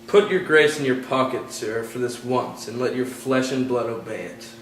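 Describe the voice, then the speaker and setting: A man's voice: mid-range voice, moderate pace, lightly acted. A young man playing a witty, mocking jester in an amateur Shakespeare performance, with playful, punning delivery. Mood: teasing. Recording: echoey room, far from mic, noisy.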